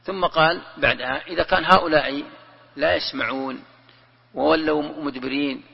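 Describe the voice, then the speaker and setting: A man, a sheikh, giving a classroom commentary lesson, who repeats his phrases and recites verses slowly and deliberately. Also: on the high side, steady tone, gravelly, husky. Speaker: sheikh teaching Quran commentary. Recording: long hall reverb, dull lo-fi sound.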